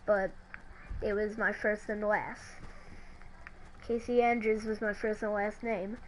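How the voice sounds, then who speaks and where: Woman narrator, slow hesitant storytelling, faint background noise. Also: on the high side, low-quality recording. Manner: hesitant, halting with restarts. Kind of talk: creepypasta narration.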